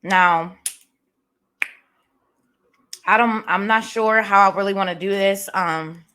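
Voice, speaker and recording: A woman hosting a mukbang, chatting casually and relaxed between bites while she eats. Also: medium pitch, moderate pace, clear, resonant tone. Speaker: mukbang host.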